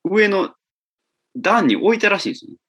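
A man's voice: sits high, sing-song, a little fast, sharp tone. A man with a Kansai accent, co-hosting a podcast and telling easygoing anecdotes in casual chat. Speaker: podcast co-host.

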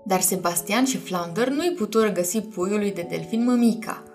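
A woman reading a children's storybook aloud in an expressive, measured way. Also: medium pitch. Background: faint music.

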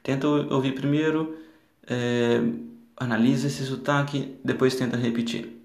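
A man's voice: mid-range voice, steady tone, unhurried, a little mellow, roomy sound. A man hosting a podcast lesson, explaining and talking directly to his learners. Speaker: podcast host and English teacher.

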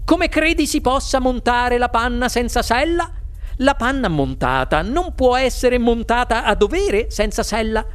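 A man voicing an eccentric, excitable male chocolate maker in an audiobook reading, with a quick, impatient way of speaking. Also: very high-pitched, clean tone, voice pushed up, heavily acted. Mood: brisk excited. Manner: quick, bright, impatient delivery. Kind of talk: audiobook character voice.

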